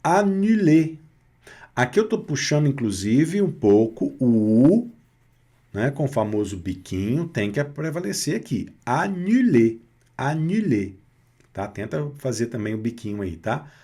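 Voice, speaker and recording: A Brazilian man teaching French pronunciation, slowly repeating each word and checking in with short tag questions. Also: medium pitch, lively intonation, warm tone, breathy edge. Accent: Brazilian Portuguese. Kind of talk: pronunciation lesson over slides.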